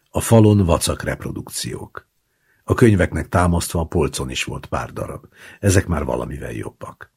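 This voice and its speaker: Very deep gravelly male storyteller. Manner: first-person storytelling, lively delivery of dialogue. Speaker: audiobook narrator. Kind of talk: literary audiobook reading.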